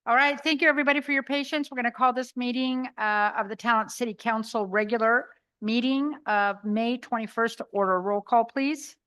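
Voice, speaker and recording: A woman acting as chair of a formal council meeting, running procedure in a brisk, businesslike way. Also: on the high side, steady tone, fairly bright tone, clear, resonant tone.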